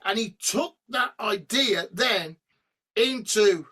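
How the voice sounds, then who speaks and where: A middle-aged man, a rock singer guest on a podcast, telling animated stories over a remote call. He swears freely and breaks into humming and sung snippets. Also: sits high, takes it slowly. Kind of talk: storytelling in a podcast interview.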